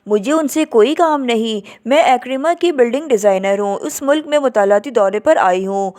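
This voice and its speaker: Brief: woman doing a scheming lady agent in disguise, courteous yet unyielding, high voice. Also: lightly acted. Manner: soft-spoken but firm and insistent. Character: foreign woman posing as a designer, persistent and cunning.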